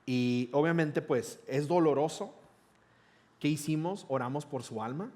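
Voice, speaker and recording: Animated pastor telling a story. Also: male voice, fairly high pitch, unhurried. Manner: conversational, animated retelling with quoted dialogue. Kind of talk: sermon storytelling.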